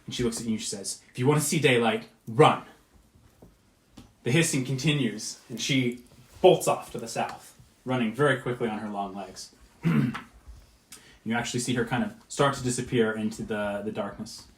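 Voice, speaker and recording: A man's voice: mid-range voice, moderate pace. A man narrating a tabletop game as game master, describing the scene in detail and often restarting his phrases. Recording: roomy echo, faint noise.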